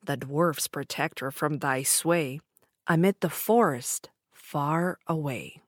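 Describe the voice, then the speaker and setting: A woman voicing a solemn magic mirror that chants its answer slowly. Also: low-pitched, dry recording, clean studio sound, voice pushed down.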